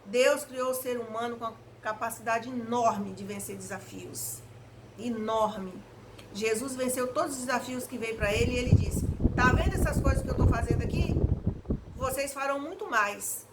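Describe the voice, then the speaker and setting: A Brazilian woman speaks in a somewhat high voice, preaching informally in an earnest, exhorting way. She sounds like someone recording a personal reflection at home. A clearly audible fan hum runs behind her words. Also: moderate pace. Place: at home, indoors. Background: electric fan noise.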